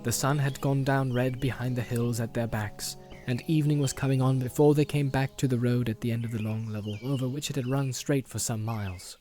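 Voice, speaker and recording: Guy narrating an audiobook, calm and steady, mid voice, bit of music under it. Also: medium pitch, brisk, hardly any pauses. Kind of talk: scripted narration.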